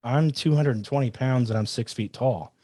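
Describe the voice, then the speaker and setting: A man with a middle-pitched voice tells a casual story in a lively way, acting out his own thoughts and what others said. The sound is dry and close, with no room echo. He talks like a self-defense trainer sharing a lesson from life. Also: moderate pace. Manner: animated, quotes himself and others in asides. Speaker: firearms trainer guest.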